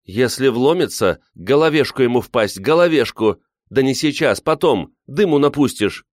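A man's voice: lowish voice, animated, normal speed, clean tone, dry recording, studio quality, voice pushed up, close to an everyday voice. A man reading an audiobook, voicing an older grieving peasant woman who sighs and scolds. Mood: bossy alarm. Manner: sighing, plaintive, scolding. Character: weary grieving old peasant woman, motherly.

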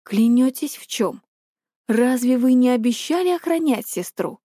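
Woman reading as a smug young hero, slow and deliberate, storybook myth. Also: fairly high pitch, expressive, mellow, no room sound, studio quality. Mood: cocky. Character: young male hero, bold and mocking.

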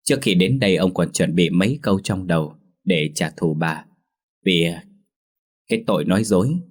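A man narrating a scripted horror story in a steady, measured reading. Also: deep voice.

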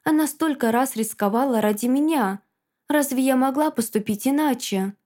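Female audiobook narrator, slightly high voice, measured dramatic first-person storytelling. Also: a little mellow.

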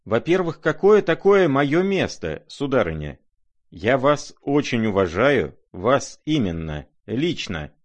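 A man's voice: lowish voice, lively intonation, slow. Man doing a thundering old general. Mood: raging. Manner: thundering, wounded pomp. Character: old retired general, bombastic, raging.

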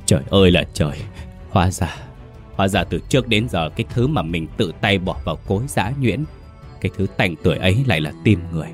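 A man's voice: low-pitched, expressive, fast talker, soft background music. A man voicing a frightened old kitchen servant woman, trembling and humble as she speaks in a storybook tale. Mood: anguished. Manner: pleading, humble. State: sobbing, trembling.

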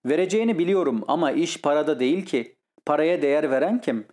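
A man's voice: fairly high pitch, animated, fast talker, a little mellow, lightly acted. A man voicing a blustering, indignant older brother who scolds scornfully in an audiobook story. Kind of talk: audiobook character reading.

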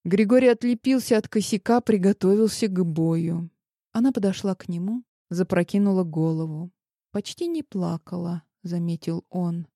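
A woman reading a novel aloud as an audiobook narrator, in a measured, even manner. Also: fairly low pitch, no echo, clean studio sound. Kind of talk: scripted narration.

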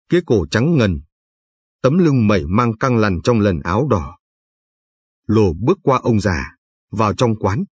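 A male audiobook narrator reading a novel in measured, vivid storytelling. His voice is low and husky. The recording is dry and close. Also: a little mellow, no room sound.

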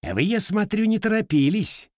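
Guy doing a snooty hotheaded police officer, snapping, high and pushy, dry sound. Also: huge pitch swings, slow pace, slightly rough, dry recording, exaggerated voice. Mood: angry. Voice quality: snapping, scornful. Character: arrogant hot-tempered young male police lieutenant.

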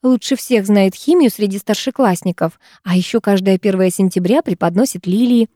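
A woman's voice: medium pitch, normal speed, dark tone, no room sound, studio quality, natural voice. A woman voicing a fussy, proud middle-aged chemistry teacher who coos and gushes over her favorite pupil, in an audiobook reading. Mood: gushing. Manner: cooing, solemn, gushing.

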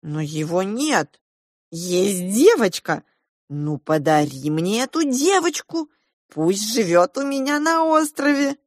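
A woman voicing a brash, teasing vampire man in a storybook reading, loud and drawn out. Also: mid-range voice, big pitch swings, slow, no echo, clean studio sound, pitched above the performer's own voice. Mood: excited.

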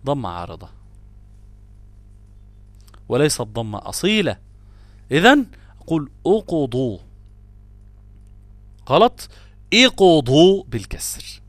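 A man's voice: medium pitch, huge pitch swings, moderate pace, long pauses, no echo. A man with an Egyptian Arabic accent teaching tajweed, stressing example words and asking and answering his own questions. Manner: switches between classical Arabic and colloquial asides. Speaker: Quran recitation teacher. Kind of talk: tajweed lesson explaining grammar rules.

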